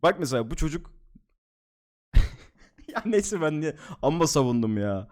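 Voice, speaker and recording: A man's voice: a little high, sing-song, normal speed, a little mellow. A young man streaming from home, chatting casually at his desk mic, laughing, swearing and joking as he reacts to videos.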